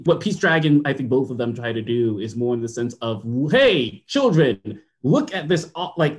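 A man's voice: a little high, darkish tone. A man talking as a guest on a casual podcast, informal and teasing, explaining his thoughts in long winding sentences. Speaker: podcast guest, young adult show creator.

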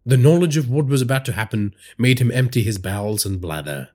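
A man's voice: medium pitch, brisk, loud music behind the voice. A man narrating a scripted horror story, telling it dramatically. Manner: dramatic storytelling with lively inflection.

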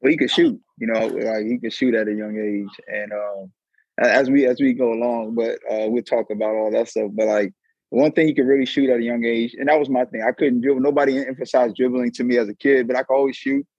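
A man co-hosting a podcast, talking in a relaxed, conversational way. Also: mid-range voice, fairly quick, husky, dry recording, muffled recording. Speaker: podcast co-host. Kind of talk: casual podcast chat.

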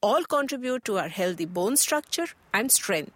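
A woman's voice: mid-range voice, big pitch swings, moderate pace. A woman with an Indian accent playing a helpful, health-conscious mother in a scripted chat, instructive and mixing Hindi into English. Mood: chatty, helpful. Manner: chatty, instructive, Hindi-English code-switching. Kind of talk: scripted conversational dialogue. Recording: music bed under the voice.

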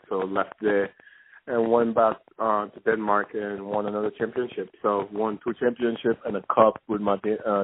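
A young man from Senegal, a former basketball player, talking as a phone-in guest in a halting way with frequent restarts. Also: lowish voice. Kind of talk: casual phone interview. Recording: tinny phone line with faint hiss.

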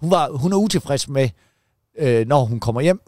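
A man's voice: medium pitch, animated, darkish tone, no echo, studio quality. A man in his forties chatting casually as a podcast co-host, rambling and stammering, often repeating words and swearing offhandedly. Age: 40s. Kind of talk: casual chat.

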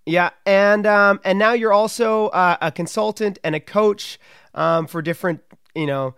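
A man's voice: high-pitched, measured pace, fairly bright tone, smooth, no echo, clean studio sound. A man hosting a podcast, introducing the show and chatting casually with a guest. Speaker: podcast host.

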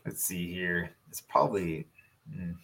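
A man's voice: sits low, fairly even intonation, measured pace, fairly bright tone, husky, poor audio. A man with a Chicago accent co-hosting a casual sports podcast, rambling with restarts and fillers. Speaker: podcast co-host.

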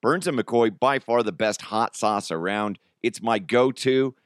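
An American man hosts a casual solo comedy podcast, talking informally with plenty of slang and chuckling at his own remarks. His mid-range voice is unhurried, recorded at studio quality with no room sound.

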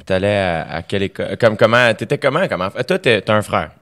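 A man's voice: on the low side, animated, fairly bright tone. A young Québécois man hosting a casual podcast, asking playful questions and laughing easily. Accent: Québécois French. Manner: playful, laughs readily, asks quick questions. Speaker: podcast host.

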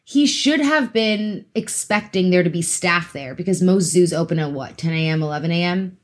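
A woman's voice: on the low side, moderate pace. A woman from Africa, hosting a casual true crime podcast in a chatty, giggly way with teasing asides. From South Africa. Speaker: podcast host.

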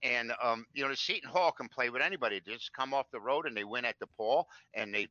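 A chatty man co-hosting a sports betting show, rattling off records and trends in a very bright, forceful voice. The sound is dry and a little dull, like a lo-fi recording. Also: mid-range voice, fast, no room sound. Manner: chatty, rambling, stacks up stats.

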